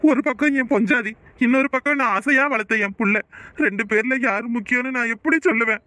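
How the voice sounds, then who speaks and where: A man voicing a desperate poor cowherd, high and bright. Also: fairly quick, dry recording. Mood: anguished. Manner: pleading, wailing. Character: poor old village cowherd, desperate and pleading. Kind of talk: cartoon voice acting.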